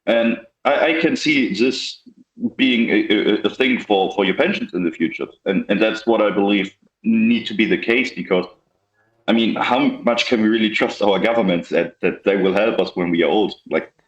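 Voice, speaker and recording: Young male guest, low voice, casual and rambling, echoey muffled call audio. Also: moderate pace. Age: young adult. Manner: casual, many likes and restarts. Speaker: guest software developer. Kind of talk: casual interview chat.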